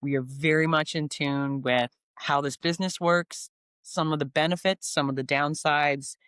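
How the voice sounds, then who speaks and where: A woman's voice: sits low, steady tone, normal speed, a bit bright, clean tone, no echo, studio quality. A woman in her forties from Canada, a singer-songwriter talking in a casual interview, upbeat and enthusiastic with frequent ums and restarts. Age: 40s.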